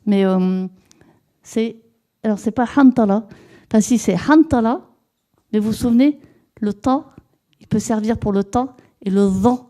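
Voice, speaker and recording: A woman's voice: medium pitch, normal speed, long pauses, warm tone. A woman giving an academic lecture to an audience, explaining her research step by step, with hesitant restarts and questions put to the listeners. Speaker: lecturer in epigraphy.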